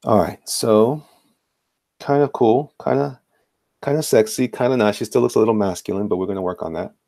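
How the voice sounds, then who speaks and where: A man's voice: fairly low pitch, fairly quick, creaky, mellow, no echo, clean studio sound. A middle-aged man with a New York accent, chatting casually and playfully on a live stream as he draws, rambling and repeating his phrases. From the Bronx, New York. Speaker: artist hosting a live drawing stream. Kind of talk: casual live-stream chat while drawing. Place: indoors at a tabletop.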